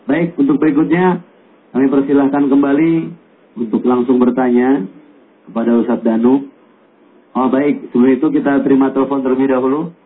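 A man hosts a radio call-in program, moving things along briskly and trading light jokes with the callers. The sound is thin and tinny, with a faint hiss underneath. His pitch is in a middle range. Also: flat delivery. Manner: brisk, friendly joking with callers. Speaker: radio host.

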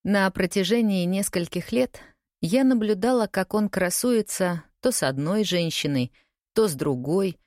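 A woman's voice: mid-range voice, measured pace, a little mellow, no room sound, studio quality. A woman narrating a first-person audiobook in a wry, confiding storytelling way.

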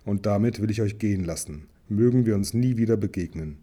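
A man reading aloud and voicing a proud, furious male dwarf king who shouts with contempt. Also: on the low side, a little fast, lightly acted. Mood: scornful.

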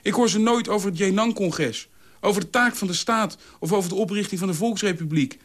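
A man reading a radio story, voicing a dogmatic, quarrelsome male commune ideologue who scolds and lectures. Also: fairly quick. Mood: ranting. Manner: shrill, scolding, hectoring.

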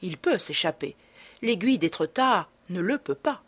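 A woman's voice: medium pitch, lively intonation, moderate pace, slightly rough. A woman reading aloud voices a confident young amateur detective in a storybook. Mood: assured.

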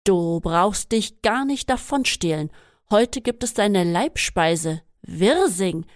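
A woman voicing a cruel, harsh father in a memoir reading, speaking slowly, coldly and menacingly. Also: mid-range voice, animated.

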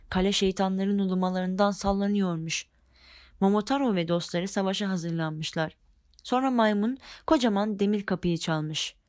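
A woman narrating a fairy tale as a storybook reading, expressive and lively with the characters. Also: medium pitch, no room sound, clean studio sound.

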